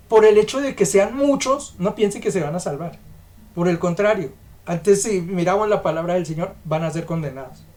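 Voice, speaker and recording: A man's voice: high voice, a little mellow. A man preaching a sermon, emphatic and questioning, putting rhetorical questions to the congregation.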